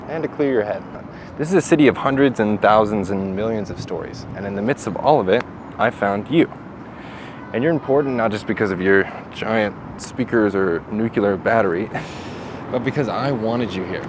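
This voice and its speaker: A man speaking gently and encouragingly to his talking speaker friend, outdoors in a city with music behind. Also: lowish voice, background noise, close to an everyday voice. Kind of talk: scripted short-film acting.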